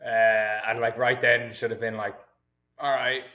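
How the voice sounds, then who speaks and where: A man's voice: mid-range voice, little pitch movement, normal speed, pushed and bright. A man, a fitness coach chatting as a podcast guest, self-mocking, rambling, laughing often. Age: 20s. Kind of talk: casual chat. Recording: roomy echoey room.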